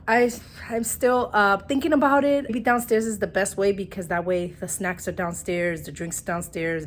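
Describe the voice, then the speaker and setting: A woman's voice: mid-range voice, slight background noise. A woman chatting casually to her viewers, rambling with lots of fillers as she walks around her house. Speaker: vlogger. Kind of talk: casual vlog chat. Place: at home, walking through rooms.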